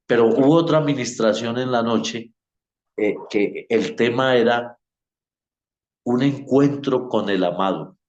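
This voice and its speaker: Man teaching a church class, slow and chatty, lots of "eh" pauses, echoey room. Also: mid-range voice, a little mellow, dull audio. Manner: slow, conversational, many filler pauses. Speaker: homiletics teacher.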